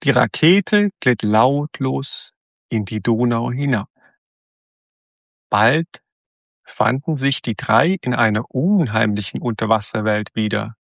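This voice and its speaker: A man narrating a storybook in a steady, even reading. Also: medium pitch, takes it slowly, creaky, no echo, studio quality.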